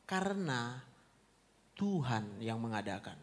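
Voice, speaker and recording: A man's voice: medium pitch, big pitch swings, takes it slowly, long reverb tail. A man who is a doctor, answering audience questions in a blunt, teasing manner, with a Medan Indonesian accent. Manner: blunt, teasing, laughing often. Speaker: doctor giving a talk. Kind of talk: Q&A talk.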